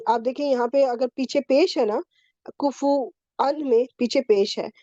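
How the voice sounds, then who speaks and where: A woman's voice: fairly high pitch, dark tone, dry recording, muffled recording. A woman teaching Quranic Arabic grammar in an online class, explaining patiently step by step and checking in often with her students. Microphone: computer mic on a video call.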